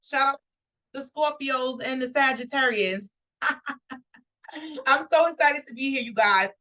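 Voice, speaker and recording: A woman hosts a live online show with a bright, forceful voice sitting a little high. She is upbeat and chatty and talks straight to her viewers. She grew up in New York. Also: moderate pace, rough recording. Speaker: host. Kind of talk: live-stream talk show host.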